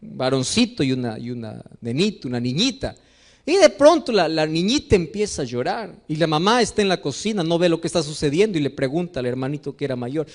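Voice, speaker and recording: A man preaching a sermon as pastor, asking the congregation questions and slowing down to stretch key phrases for emphasis. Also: big pitch swings. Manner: acts out quoted voices in a raised pitch.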